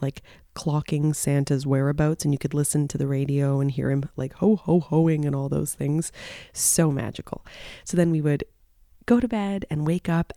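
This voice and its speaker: A woman in her thirties speaks in a low, mellow, gravelly voice as she hosts a podcast alone. She rambles tenderly through her memories, stopping often and keeping herself from crying. The sound is dry and close, with no room around it. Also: dry recording. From Canada. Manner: nostalgic, tearful, rambling with many fillers. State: close to tears. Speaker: podcast host. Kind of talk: emotional personal monologue.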